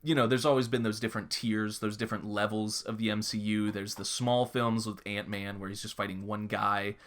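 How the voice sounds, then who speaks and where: A man in his twenties co-hosting a podcast, chatting casually with quick laughs and some swearing. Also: on the low side, flat delivery, fairly bright tone. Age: 20s. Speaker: podcast co-host. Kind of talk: casual chat.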